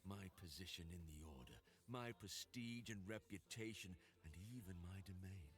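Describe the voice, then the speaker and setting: Game villain: fallen Italian noble, proud and scheming, low voice, sweeping delivery, slow theatrical menace. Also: male voice, animated. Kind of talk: video game villain monologue.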